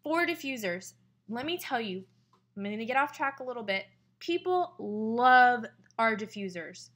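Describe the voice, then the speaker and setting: Chatty, excitable young woman vlogger, higher pitch and a bright, forceful voice. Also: unhurried. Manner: excitable, chatty, full of fillers and quoted dialogue. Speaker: direct sales consultant sharing party tips. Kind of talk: casual vlog monologue.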